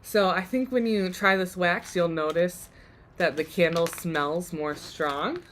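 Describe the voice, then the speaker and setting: A woman's voice: on the low side, unhurried, fairly bright tone, a little hiss or hum. A woman host losing her voice, giving a chatty, upbeat live DIY demonstration. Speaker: workshop host.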